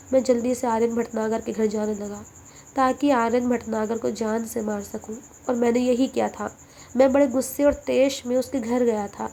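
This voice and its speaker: A woman narrating a scripted emotional story in steady, dramatic first person. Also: a little high, gravelly.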